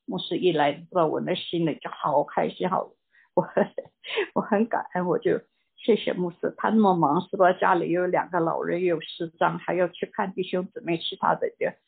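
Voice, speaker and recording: An older woman giving a personal church testimony in a halting way, repeating words and dropping in English words. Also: fairly low pitch, fairly even intonation, gravelly, husky. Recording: tinny phone-like recording.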